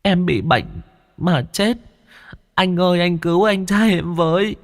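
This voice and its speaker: A man voicing the ghost of a five- or six-year-old boy in a ghost story audiobook, pleading in a high, sobbing voice. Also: a little slow, in a large hall.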